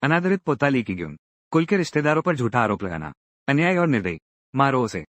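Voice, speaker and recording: Male recap narrator, mid-pitched and very lively, dry close sound, acts out all the parts. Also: brisk, no room sound. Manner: lively, acts out each character's lines in turn. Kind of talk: dramatic Hindi recap narration voicing every character.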